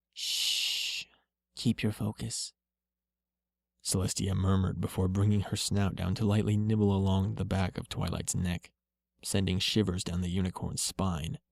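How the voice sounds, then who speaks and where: A man reading a story aloud in a slow, steady, low-key way. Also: creaky, no room sound. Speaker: reader.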